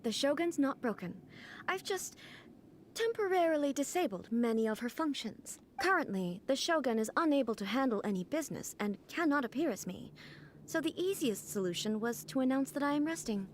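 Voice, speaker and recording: A woman voicing a cold, formal puppet ruler who gives flat, clipped commands, with game music behind. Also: high voice, brisk, a little hiss or hum. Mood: calm. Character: cold, stiff female puppet ruler and her calm divine self.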